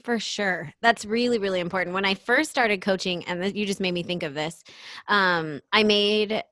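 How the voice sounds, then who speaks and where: Young female podcast host, loose and chatty, filler-heavy, medium pitch. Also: normal speed, a bit bright, no echo, studio quality. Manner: chatty, lots of "like" fillers, laughs often. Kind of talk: casual chat.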